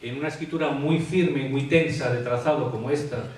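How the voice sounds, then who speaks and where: Male expert, hesitant explainer, mid pitch, distant mic, roomy echo. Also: brisk, a little mellow. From Asturias, Spain. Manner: hesitant, many fillers and tag questions. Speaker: graphologist. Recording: echoey room, off-mic, faint hiss.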